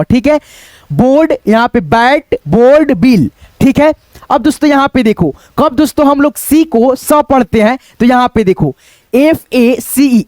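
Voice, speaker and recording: Very high-pitched yet darkish in tone, this male English teacher's voice comes through with no echo. Teaching spelling and pronunciation at a digital board in a classroom-style video, he repeats each word, frequently calls viewers friends, and answers his own questions.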